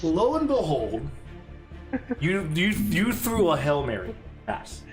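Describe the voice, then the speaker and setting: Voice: mid-range voice, wildly swooping pitch, slow pace, soft background music. A game master casually narrating a tabletop role-playing game, with frequent hesitations.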